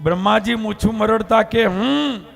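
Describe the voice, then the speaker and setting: A man narrating a devotional scripture discourse, animated and full of exclamations. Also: high voice, measured pace, vocal fry, soft background music. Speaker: katha storyteller.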